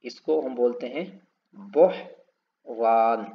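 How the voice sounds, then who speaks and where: Male English teacher, slow and gravelly, drags each word out, dull lo-fi recording. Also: medium pitch. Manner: repeats words slowly and drawn out, explaining spellings. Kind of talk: spoken English lesson.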